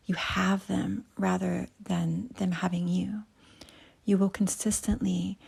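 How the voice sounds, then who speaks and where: A woman leads a guided breathing and meditation lesson. Her voice is extremely husky and airy, close to a whisper, with a dark, relaxed tone and a creaky edge. She gives soft, unhurried instructions as a yoga teacher. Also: medium pitch.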